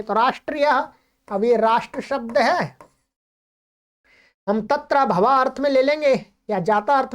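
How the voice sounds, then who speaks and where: High-voiced woman teaching Sanskrit grammar. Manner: explanatory, checks in with listeners often; slows down to recite grammar rules. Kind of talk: online lecture.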